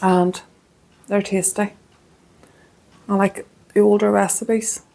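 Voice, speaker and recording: A woman with a soft, mellow Northern Irish voice chats away in her home kitchen. She is homely and easygoing, talking viewers through her baking while she tastes it. The feel is a relaxed cooking vlog. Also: mid-range voice, takes it slowly, gravelly. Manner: chatty and homely, talks while tasting. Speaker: cooking channel host.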